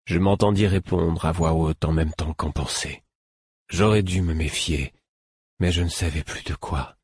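A man reading a first-person novel aloud in a steady, measured way. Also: low-pitched, breathy edge, no room sound, studio quality. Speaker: audiobook narrator.

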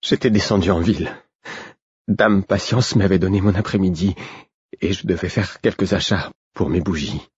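A man's voice: sits low, moderate pace, breathy edge, no room sound, highs cut off. A man voicing a frightened, breathless young servant woman who tells her story in a rising, fearful voice.

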